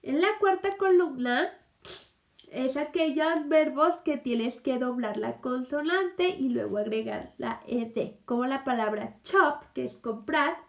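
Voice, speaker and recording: A woman's voice: high voice, measured pace, gravelly. A woman teaching a recorded English lesson to children, explaining patiently and checking in with "ok?" again and again. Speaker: primary school English teacher.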